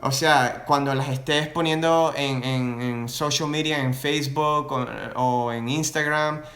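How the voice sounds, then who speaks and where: A man's voice: medium pitch, fairly even intonation, normal speed, fairly bright tone. Man, reptile breeder, casual livestream Q&A, mixes Spanish and English, lots of fillers, echoey room. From Florida. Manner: rambling, many restarts and fillers; switches between Spanish and English. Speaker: reptile breeder answering viewer questions.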